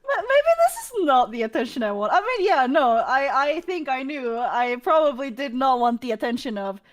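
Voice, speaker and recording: Giggly high-voiced young woman, faint Norwegian accent. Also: sing-song, moderate pace. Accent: subtle Norwegian. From Norway. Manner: giggly, hesitant with many restarts. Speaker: guest streamer. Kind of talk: casual chat.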